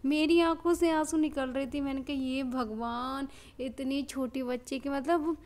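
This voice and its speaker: High-voiced chatty young mother. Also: fairly even intonation, measured pace, a little mellow. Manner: chatty, repeats words for emphasis; sing-song baby talk to her daughters. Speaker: vlogger and mother. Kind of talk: casual home vlog chat. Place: at home. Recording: noisy home recording.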